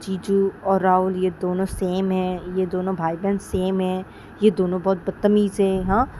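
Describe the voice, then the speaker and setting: A woman's voice: fairly low pitch, level tone, measured pace, dark tone, slight background noise, close to an everyday voice. Brief: woman playing a cheeky young wife, needling her sister with question after question. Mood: teasing. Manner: teasing, prodding with repeated questions.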